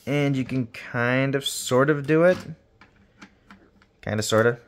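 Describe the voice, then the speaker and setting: A man's voice: mid-range voice, measured pace, slight background noise. Chatty man in an echoey room. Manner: chatty, rambling, with playful swearing. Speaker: toy reviewer. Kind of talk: casual toy review vlog. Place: indoor room with reverb.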